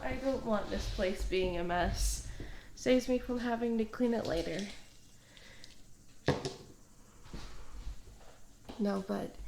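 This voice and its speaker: A fairly high-pitched woman plays a smitten, awkward tomboy stalker in an intimate, one-sided ASMR roleplay. She sounds hesitant, soft-spoken and earnest, often trailing off into small hums.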